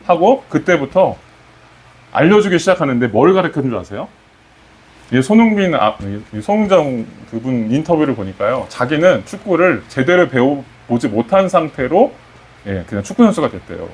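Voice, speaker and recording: Man, pastor, Sunday sermon, slightly high voice, questions the congregation. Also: moderate pace, husky. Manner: lively preaching, asks the congregation questions, rises in emphasis.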